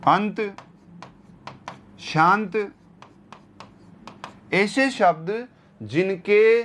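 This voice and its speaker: Male grammar lecturer, high voice, unhurried delivery, repeats terms and quizzes the class rhetorically. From India. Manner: repeats key terms and asks rhetorical questions. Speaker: Hindi grammar teacher. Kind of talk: exam-prep grammar lecture.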